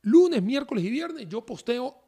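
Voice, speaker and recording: A man's voice: extremely high pitch, unhurried, breathy edge. A man, chatting casually as a guest, joking and laughing as he talks. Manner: animated, joking, laughs while talking. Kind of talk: casual chat.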